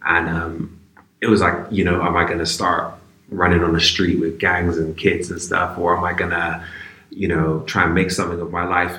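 A man's voice: low voice, bright, forceful tone. A man from Bristol, chatting casually and reflectively as an interview guest. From Bristol, England. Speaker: basketball player, interview guest. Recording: roomy, echoey sound.

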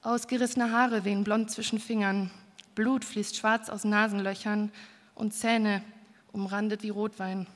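A woman reading a first-person literary story aloud in a calm, even manner. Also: mid-range voice, unhurried. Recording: long hall reverb.

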